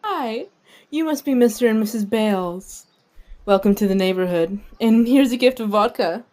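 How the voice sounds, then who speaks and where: A woman's voice: on the high side, moderate pace, dark tone, a little hiss or hum, lightly acted. A woman voicing a chirpy, brazen female neighbor in an overacted anime fan dub. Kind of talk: abridged fan dub acting.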